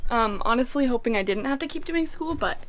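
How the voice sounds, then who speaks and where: On a sailboat and later a sunny beach, a teenage girl talks to her arm's-length handheld camera for a lighthearted vlog. Her fairly high voice is expressive and fairly quick, and "oh my gosh" pops up often.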